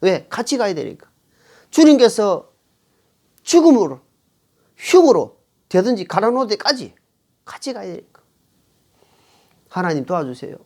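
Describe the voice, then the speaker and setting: A middle-aged man delivers a sermon as pastor. His pitch swings widely as he leans on key phrases, repeating them to drive the point home, and he pauses to read scripture aloud to his congregation. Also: big pitch swings, a little mellow. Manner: emphatic, repeats phrases for stress.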